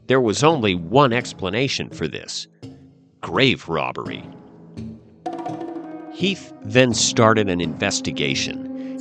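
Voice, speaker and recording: A man narrating a dark history tale in a measured, suspenseful way. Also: fairly low pitch. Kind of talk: dramatic history storytelling. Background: faint music.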